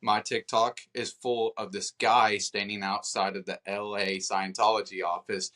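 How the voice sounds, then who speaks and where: A young man co-hosting a podcast over a video call, telling stories in a lively, casual way and imitating the people he quotes. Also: lowish voice, moderate pace. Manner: animated storytelling, mimics people he quotes. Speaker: podcast co-host. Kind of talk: casual chat.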